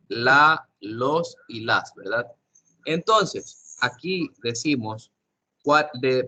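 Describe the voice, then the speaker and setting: A man's voice: fairly high pitch, pushed and bright. A man teaching an English class online, explaining step by step, often repeating himself and checking with questions.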